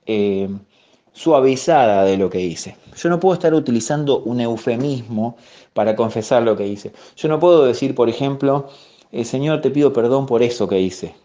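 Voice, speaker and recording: Mellow-voiced Rioplatense Spanish man teaching. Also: medium pitch. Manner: explanatory, repeats key words, frequent fillers. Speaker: Bible teacher. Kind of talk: recorded theology class. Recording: muffled lo-fi audio.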